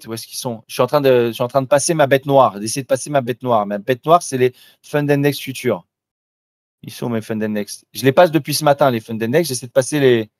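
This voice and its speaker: A trader gives live commentary during a trading demo, speaking informally and straight to the listener while often restarting his sentences. His voice is mid-range, and the studio-quality recording has no echo.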